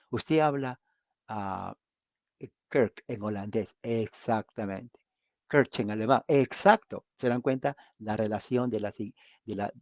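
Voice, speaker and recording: A man's voice: lowish voice, darkish tone, dry recording. A man preaching a conversational Bible study, often asking his listeners questions. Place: United States.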